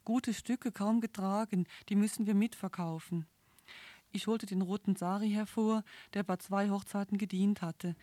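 A woman's voice: mid-range voice, no echo. Earnest woman reading a novel aloud. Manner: steady, earnest storytelling. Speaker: audiobook narrator. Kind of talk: first-person novel reading.

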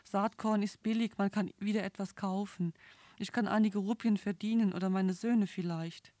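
A woman's voice: medium pitch, steady tone, moderate pace, warm tone, no echo, natural voice. A woman reading the part of a poor, proud farmer husband who snaps harshly under pressure. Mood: stubborn. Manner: harsh, exasperated outbursts. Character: desperate poor male farmer, proud and quick-tempered.

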